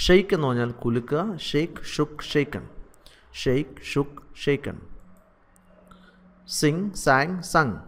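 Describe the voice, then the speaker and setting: Male English teacher with a Malayali accent, patient and repetitive, mid-pitched voice. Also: fairly bright tone. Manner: drills verb forms slowly and repetitively. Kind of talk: spoken English lesson in Malayalam.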